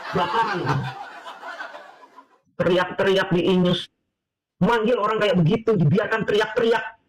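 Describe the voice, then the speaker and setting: High-voiced guy doing reaction commentary, mocking and taunting, rhetorical questions nonstop. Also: poor audio. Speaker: reaction video host.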